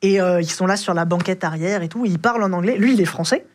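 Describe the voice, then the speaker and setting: Speaking quickly in a high voice, a man who drives for a rideshare service spins loose, meandering tales about his passengers. His casual storytelling is thick with slang and filler words.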